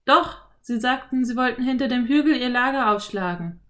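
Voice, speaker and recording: A woman's voice: fairly high pitch, lively intonation, moderate pace, a bit bright, pitched above the performer's own voice. A woman voicing an earnest, cautious small boy in an audiobook, in a slightly raised, serious voice. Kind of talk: audiobook character voice.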